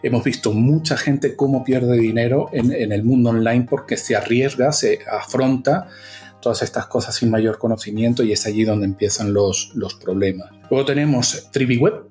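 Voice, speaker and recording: A man's voice: mid-range voice, moderate pace, a little mellow, soft background music. Enthusiastic man with Venezuelan-Canarian accent. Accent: mixed Venezuelan and Canarian Spanish. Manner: enthusiastic, frequent tag questions. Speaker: guest, agency founder. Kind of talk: casual interview.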